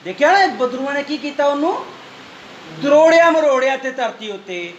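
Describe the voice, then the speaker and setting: A Punjabi-accented pastor preaches to a congregation and echoes back each verse as it is read aloud. The room rings with echo, and loud background noise hisses under his voice. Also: very high voice, animated, normal speed, lo-fi sound. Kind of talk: Punjabi sermon with call-and-response Bible reading.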